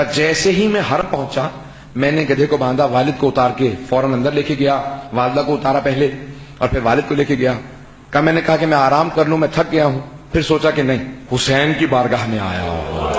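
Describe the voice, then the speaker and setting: A man delivering an impassioned sermon to a gathering, telling a story with drawn-out, emphatic phrases. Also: mid-range voice. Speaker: Shia majlis orator. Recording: echoey hall with faint noise.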